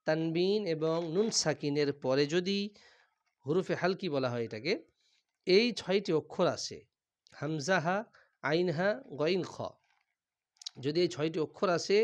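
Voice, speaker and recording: A man teaching Quran reading, patiently spelling out each syllable and repeating words slowly, often clearing his throat. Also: fairly high pitch, dull audio. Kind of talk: recitation class, spelling out letters.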